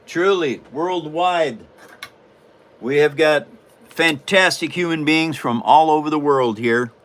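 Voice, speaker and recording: Here the Washington State livestreamer sounds a little high and talks at a slow pace. Building his paper model, he keeps up a folksy, meandering patter punctuated by chuckles.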